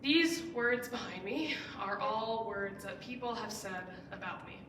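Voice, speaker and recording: A woman's voice: medium pitch, expressive, unhurried, noisy background. A young woman in her late teens, a student giving a persuasive speech from a school stage in an earnest way, pushing key words up with emphatic rises. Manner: earnest, with emphatic rising stresses. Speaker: student speaker. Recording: roomy echo, heard from some distance.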